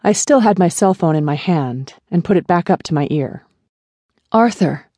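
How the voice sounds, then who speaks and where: A woman narrating a first-person memoir audiobook in a measured, even storytelling manner. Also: on the low side, dry recording, clean studio sound.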